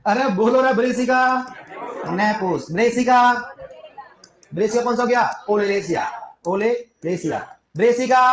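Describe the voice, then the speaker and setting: A man's voice: high voice, a little mellow, reverberant. A man teaching an agriculture class, firing repeated questions at students and coaxing answers. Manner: scolds the class jokingly. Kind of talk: classroom lecture with call-and-response questions.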